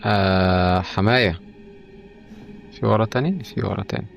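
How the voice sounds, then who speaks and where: A man's voice: on the low side, vocal fry, faint music behind. A young man with an Egyptian Arabic accent doing jokey, often panicked horror game commentary. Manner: jokey, rapid-fire, often panicked and pleading. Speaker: gaming YouTuber.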